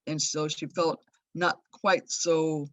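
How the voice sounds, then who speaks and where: This memorial speaker, a woman in her sixties from Los Angeles, reminisces about an old friend on a video call, warm and rambling with affectionate laughter. She speaks slowly in a low, flat voice, and the call audio is dry and muffled.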